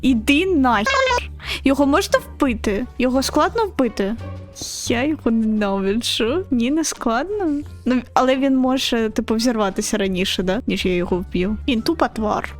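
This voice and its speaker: A woman's voice: a little high, animated, moderate pace, faint music behind. A young woman streaming a game, chatting casually and squealing and laughing when she gets scared. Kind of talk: casual gaming commentary.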